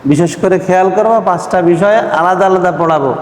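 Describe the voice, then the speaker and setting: A man's voice: high voice, quick pace. A man, teaching fellow Quran teachers in a lecture and quizzing them with questions. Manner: questions the audience and asks them to answer. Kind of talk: classroom lecture. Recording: echoey hall with long reverb.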